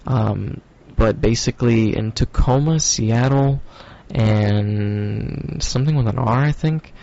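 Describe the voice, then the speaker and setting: Gravelly, rambling podcast guy. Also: on the low side, slow, mellow, dry recording, dull audio. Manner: loose, rambling, profane, with many fillers. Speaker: podcast host. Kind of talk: casual stoner podcast monologue.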